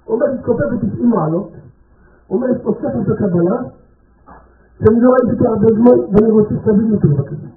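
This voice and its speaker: A man giving an anecdotal religious talk at a memorial gathering, animatedly acting out the voices of the people he quotes. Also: very high voice. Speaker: rabbi speaker at a memorial gathering. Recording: echoey room, tinny lo-fi sound.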